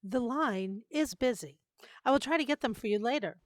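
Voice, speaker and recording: Telephone operator played by a woman, retro radio drama: high voice, procedural, detached, formal. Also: lively intonation, moderate pace, close to an everyday voice. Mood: formal, unmoved.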